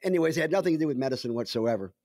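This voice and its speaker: A man's voice: mid-range voice, animated, rapid-fire, darkish tone, no echo, studio quality. A man co-hosting a podcast as a scientist, wry and explanatory in casual chat over a video call. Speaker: scientist co-host.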